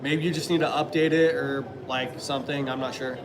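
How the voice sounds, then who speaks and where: Streamer, man, thirties. Mid-pitched, rambling, hedges a lot, steady noise under the voice. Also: a little fast. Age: 30s. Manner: rambling, hesitant, many fillers and restarts. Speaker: live streamer. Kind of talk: casual live-stream chat reading viewer comments.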